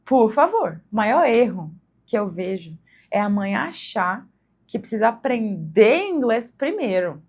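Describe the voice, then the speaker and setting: Medium-pitched and sing-song, with a darkish tone and an unhurried pace, a woman with a Brazilian Portuguese accent gives a conversational lesson to the camera. She teaches English to mothers in this instructional video, often checking in with tag questions.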